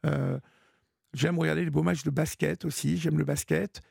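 A man hosting a late-night radio phone-in, his voice heavily gravelly and husky. He talks in a hesitant, encouraging way, full of fillers and restarts. The studio sound is dry and close. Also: on the high side, fairly even intonation, normal speed, a little mellow, no room sound. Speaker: radio host. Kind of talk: late-night call-in chat.

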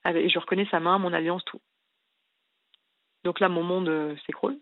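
Calling in to a radio show, a distressed woman recounts a long confession full of rambling details. Her fairly low voice stays fairly even at a moderate pace, with no room sound on the tinny phone line.

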